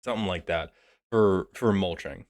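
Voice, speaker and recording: Low voiced guy, kinda sick, clearing his throat, swearing and joking thru a deck review. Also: normal speed. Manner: profane, joking, thinks aloud. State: a bit sick. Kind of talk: casual commentary.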